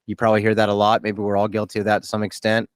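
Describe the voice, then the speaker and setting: A man in his late thirties with a low, smooth, resonant voice, chatting candidly as a podcast host. He talks in a halting, self-deprecating way, circling back and restarting his sentences. The sound is close and dry. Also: monotone, dry recording. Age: 30s. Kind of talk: casual interview chat.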